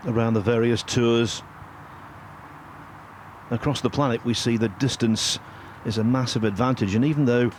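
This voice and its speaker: A man giving golf commentary in formal, measured broadcast phrasing. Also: medium pitch, steady tone, slight background noise. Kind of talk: scripted-sounding golf commentary.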